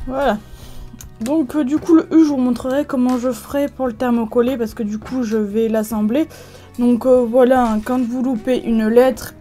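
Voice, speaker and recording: Chatty French crafter, mellow voice. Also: female voice, fairly high pitch. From France. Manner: chatty, many fillers and restarts. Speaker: craft video creator. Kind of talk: casual crafting tutorial.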